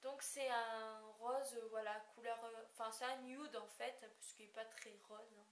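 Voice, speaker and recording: A woman's voice: on the high side, fairly even intonation, moderate pace. A young woman chatting casually in a haul video, hesitant and full of fillers. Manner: hesitant, many fillers, apologetic about describing colors. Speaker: beauty vlogger. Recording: echoey room with faint hiss.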